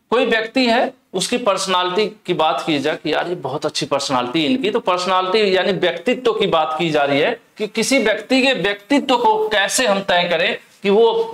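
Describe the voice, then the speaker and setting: A young man teaching an exam-prep lesson, explaining slowly, repeating key words and reading English questions aloud. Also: high voice, fairly bright tone. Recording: echoey room.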